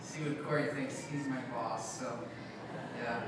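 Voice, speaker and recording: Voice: medium pitch, steady tone, a little slow. A show co-presenter with an informal, hesitant delivery, bantering casually on stage in a comic style. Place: live bird show before an audience. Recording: very echoey venue, distant, loud noise.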